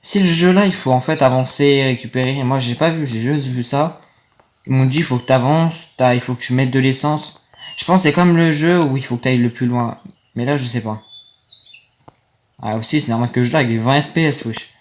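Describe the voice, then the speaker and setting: This young gaming creator rambles through let's-play commentary into a phone, chatting with viewers and getting annoyed easily. He has a medium-pitched voice at a moderate pace, with light noise behind him.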